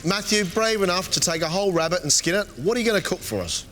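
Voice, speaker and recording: Lively, fairly high-voiced male food judge. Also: fast, music in the background. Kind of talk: TV cooking competition judging.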